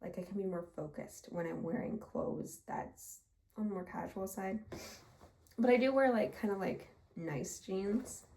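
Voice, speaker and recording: Woman, casual home vlog, rambling chatty talk, slightly breathless, gravelly voice, faint background noise. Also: mid-range voice, a little slow, warm tone. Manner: chatty and rambling, with many fillers. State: a bit out of breath. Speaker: vlogger. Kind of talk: casual chat. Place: home, indoors.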